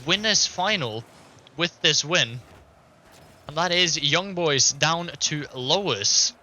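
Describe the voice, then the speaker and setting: Brief: male caster, bright and keen, fast game calls. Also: on the high side. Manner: quick, excited play-by-play, laughs easily. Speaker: esports caster. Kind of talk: play-by-play commentary.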